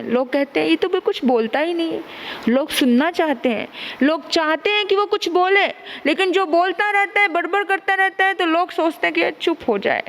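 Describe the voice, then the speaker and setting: A woman nun preacher giving a sermon, deliberate and repeating phrases for emphasis. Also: high voice.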